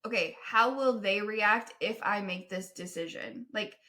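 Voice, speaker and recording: A woman's voice: mid-range voice, unhurried, pushed and bright. A woman in her forties co-hosting a casual podcast chat, rambling and self-deprecating, laughing often. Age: 40s. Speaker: podcast co-host.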